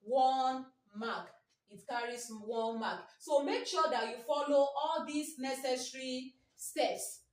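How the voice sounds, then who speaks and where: A woman with a Nigerian English accent and a high-pitched, darkish voice teaches a biology exam-prep lesson at a slow pace. She repeats herself often and asks "what?" before answering her own question. The mic is distant, in an echoey room.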